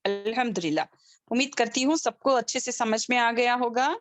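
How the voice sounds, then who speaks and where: A woman's voice: a little high, no room sound. Woman teaching on a video call. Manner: drills letter sounds by repeating them slowly; checks understanding with frequent questions. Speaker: Quran recitation teacher. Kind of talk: online tajweed lesson.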